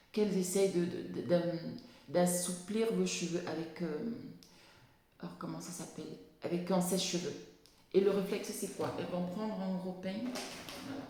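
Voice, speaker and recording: A woman's voice: fairly low pitch, warm tone. Lisping woman in a very echoey room. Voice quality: lisp on s sounds. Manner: halting, repeating words as she searches. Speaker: video blogger on natural hair. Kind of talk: casual explanatory monologue with anecdotes.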